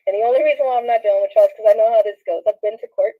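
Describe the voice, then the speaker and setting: A woman's voice: a little high, rapid-fire. A woman in her thirties from Southern California, talking straight to viewers in a rambling, slangy monologue while shaky and laughing through tears. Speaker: vlogger. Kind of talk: emotional direct-to-camera monologue. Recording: dull lo-fi phone audio.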